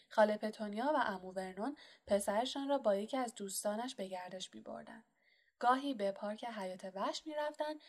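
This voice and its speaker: A woman narrating an audiobook in a steady, measured reading style. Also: mid-range voice. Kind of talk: scripted storybook narration.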